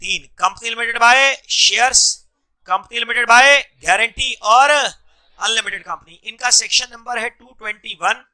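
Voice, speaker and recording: Bright, high-voiced male teacher drilling a class. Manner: drills students with repeated quick questions; mixes English terms into Hindi. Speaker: commerce law teacher. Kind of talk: classroom lecture.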